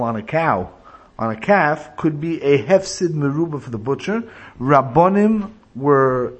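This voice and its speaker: A man teaching a religious lecture, explaining points through illustrative stories. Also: medium pitch. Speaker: rabbi teaching a class.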